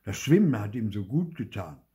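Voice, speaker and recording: A man's voice: fairly low pitch, sing-song, normal speed, mellow, pitched above the performer's own voice. An older man voicing a playful father who teases his son with mock regret. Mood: teasing.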